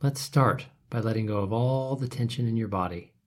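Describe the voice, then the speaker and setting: Low husky guy talking you through a relaxation meditation, soft and calm, drifts into whispers. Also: moderate pace. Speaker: meditation guide.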